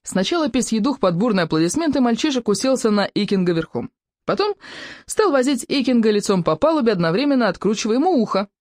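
A woman reading a children's adventure book aloud, playful and animated, her pitch rising and falling widely. The voice is recorded dry and close. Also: quick pace, dry recording. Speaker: audiobook narrator. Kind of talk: expressive audiobook narration.

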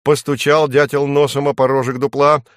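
A man narrating a children's storybook in an expressive storytelling manner. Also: mid-range voice, moderate pace, no room sound, clean studio sound. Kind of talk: storybook reading.

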